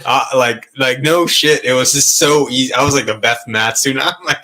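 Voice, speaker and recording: Candid bright-voiced man from Malaysia. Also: mid-range voice, normal speed. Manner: candid, rambling storytelling with frequent swearing and laughs. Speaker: podcast co-host. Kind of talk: casual chat.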